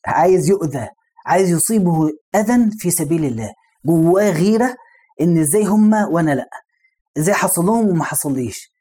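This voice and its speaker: A man's voice: a little high, animated, fast, warm tone, husky. A man with an Egyptian Arabic accent, preaching in a conversational storytelling lesson and putting rhetorical questions to the listener. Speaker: Islamic preacher.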